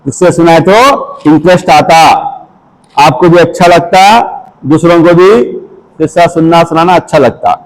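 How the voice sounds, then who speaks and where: A man teaching children Islamic manners, speaking slowly and repetitively, asking questions and repeating phrases for them. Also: fairly high pitch, fairly even intonation, darkish tone, low-quality recording. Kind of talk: slow, repetitive instructional talk.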